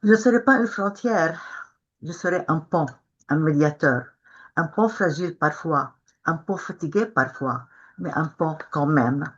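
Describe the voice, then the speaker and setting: Older woman, halting words on a call. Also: deep voice, dull audio. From Israel. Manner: halting, searching for words, many restarts. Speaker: panelist, peace activist. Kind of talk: webinar talk, first recited then spoken freely. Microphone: video call.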